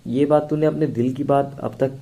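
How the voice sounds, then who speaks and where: A man's voice: medium pitch, steady tone, normal speed, gravelly, mellow, pitched above the performer's own voice, close to an everyday voice. A man voicing a loving elderly grandmother who teases and pries, in a storybook reading. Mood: affectionate.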